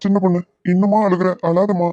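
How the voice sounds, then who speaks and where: A man voicing a gentle, easily swayed young husband for a cartoon. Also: sits high, little pitch movement, no room sound, lo-fi sound, lightly acted. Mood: soothing. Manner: gentle, soothing, quick-talking. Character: soft-hearted gullible young husband. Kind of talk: cartoon voice acting.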